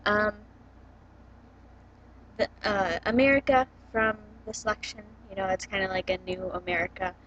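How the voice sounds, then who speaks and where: A woman's voice: medium pitch, moderate pace, long pauses, a bit bright, a little hiss or hum. A young woman chatting casually about books, full of ums and likes, recorded through a laptop's built-in mic at home. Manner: hesitant, many ums and likes. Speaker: book vlogger. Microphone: built-in computer webcam mic. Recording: dull lo-fi laptop webcam audio.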